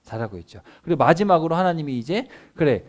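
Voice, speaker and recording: A male pastor giving a casual family sermon. He retells scripture as a lively story and keeps asking his listeners rhetorical either-or questions. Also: fairly high pitch, fast talker. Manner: conversational, animated storytelling.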